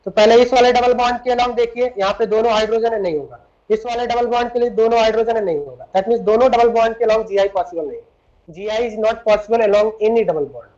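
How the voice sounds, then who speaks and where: Hindi-English mixing chemistry teacher, dull recording. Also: male voice, sits high, brisk, a little mellow. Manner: explains step by step, keeps asking students questions. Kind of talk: classroom lecture.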